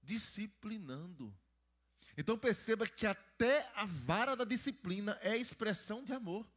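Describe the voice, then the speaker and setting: A pastor with a fairly high, highly animated voice leads a church Bible lesson. He keeps turning to the children with questions and prompts them to answer. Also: normal speed. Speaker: pastor teaching Sunday school.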